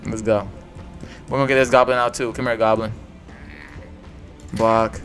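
A young man giving casual, slangy gameplay commentary in a low mumble, with faint music behind. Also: flat delivery, normal speed, a bit bright. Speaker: gaming YouTuber.

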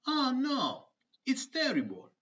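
A man reading a textbook dialogue aloud and voicing a young girl with squeaky, high-pitched outbursts. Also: wildly swooping pitch, slow, fairly bright tone, highs cut off, heavily acted. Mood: dismayed.

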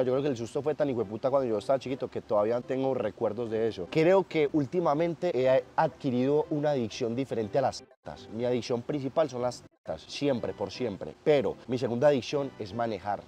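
A man's voice: mid-range voice, dark tone, highs cut off. A man in his twenties with a Colombian Paisa accent, telling stories about himself in a casual, profane, slang-filled vlog monologue. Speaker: YouTuber.

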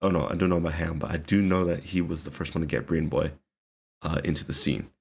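A man's voice: rumbling low, fairly even intonation, fast, gravelly, a little mellow, breathy edge. A man giving casual reaction commentary, rambling with many fillers and casual swearing. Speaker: reaction video host.

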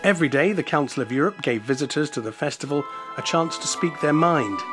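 A man reading a scripted news voice-over in a measured, even way. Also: a little high. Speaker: news narrator. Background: loud music bed.

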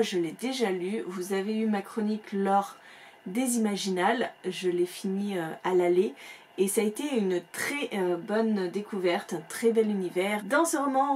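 A woman's voice: medium pitch, darkish tone, slight background noise. A woman book vlogger chatting casually and enthusiastically at home, using plenty of fillers as she goes. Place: home room with bookshelves.

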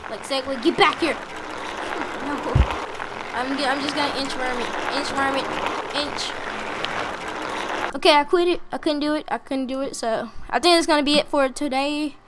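A young woman talks over her gameplay in a high, bright voice, chatty and self-mocking, breaking into loud excited bursts. Clear background noise and mouse clicks sit under her home recording. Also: normal speed, pauses often, over a noisy crowd. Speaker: gameplay commentator. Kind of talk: casual gameplay commentary.

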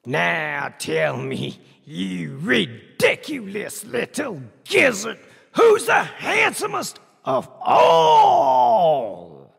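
A man voicing a vain, boastful male wolf who shouts and laughs theatrically. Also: high voice, wildly swooping pitch, very slow, creaky, slightly rough, in a large hall, voice pushed up, exaggerated voice.

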